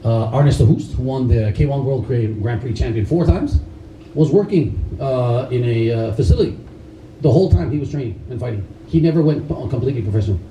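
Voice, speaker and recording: A karate instructor raised in Denmark speaks to a seated group at a camp, loose and rambling, with frequent fillers and restarts. His mid-range voice is animated, a little fast, and dark. The audio is dull, with slight background noise and roomy hall sound picked up from a distance.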